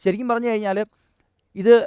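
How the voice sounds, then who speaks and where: A young man from Kerala, an English teacher, giving an energetic, direct stage talk that urges the audience on, often restarting and correcting himself mid-sentence. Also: sits high, fairly quick, clean tone, no room sound. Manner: frequent self-corrections and restarts. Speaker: English teacher and motivational speaker.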